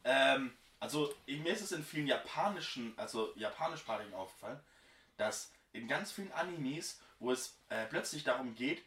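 A man's voice: mid-range voice, expressive, moderate pace, a bit bright. A young man chatting casually on a podcast, rambling and hesitant with many fillers. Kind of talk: casual chat. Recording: echoey room, mic at a distance.

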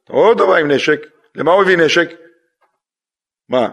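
A man, a rabbi, giving a sermon that tells a story through acted-out dialogue and questions to the listeners. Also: on the high side. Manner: acts out dialogue in a story, lively questions to the audience.

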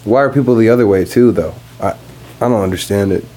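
A young man talking casually and profanely on his podcast while high, rambling from one thought to the next. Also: quick pace, dark tone. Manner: rambling, profane, laid-back. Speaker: podcast host. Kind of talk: casual stoned podcast monologue. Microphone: podcast microphone.

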